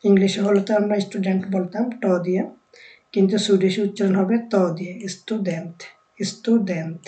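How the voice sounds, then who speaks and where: A woman from Bangladesh teaching vocabulary, repeating each word slowly before explaining it. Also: medium pitch, dark tone, rough recording. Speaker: language teacher. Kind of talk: vocabulary lesson.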